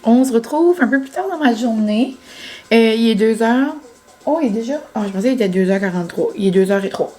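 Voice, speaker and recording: A woman's voice: on the high side, lively intonation, fairly quick, dark tone. A young woman chatting casually to her vlog audience, with many fillers and English words. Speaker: vlogger. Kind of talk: casual vlog chat to camera.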